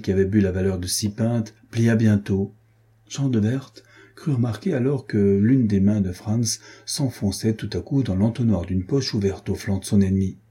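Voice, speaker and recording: A man reads a novel aloud as an audiobook narrator. His voice is a little low, very dark and husky, and his reading stays steady.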